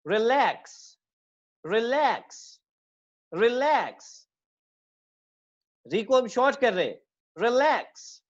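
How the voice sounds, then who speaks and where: A male English teacher explaining word stress, saying each example word again and again, slowly drawing out the stressed syllables, and calling his listeners children. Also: very high voice, lo-fi sound. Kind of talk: classroom-style lesson.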